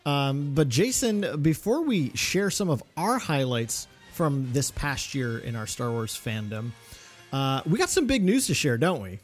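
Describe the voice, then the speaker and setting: A man's voice: mid-range voice, sing-song, measured pace, faint music behind. A man co-hosting a fan podcast in a casual, chatty style. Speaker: podcast co-host.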